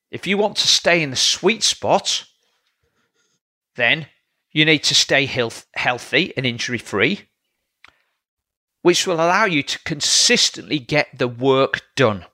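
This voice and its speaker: This coach-turned-podcast-host talks alone through training tips, his mid-range voice pushed and bright. His delivery is plain and lecturing, studded with rhetorical "all right?" checks, and the studio-quality audio has no echo.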